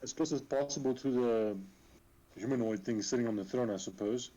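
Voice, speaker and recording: A man's voice: medium pitch, a little fast, dark tone, lo-fi sound. A man talking casually as a player in a tabletop game.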